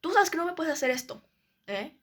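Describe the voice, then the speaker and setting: A young woman with a Mexican accent imitating her fed-up middle-aged mother, scolding fast and exasperated. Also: on the high side, lively intonation, a bit bright. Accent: Mexican Spanish.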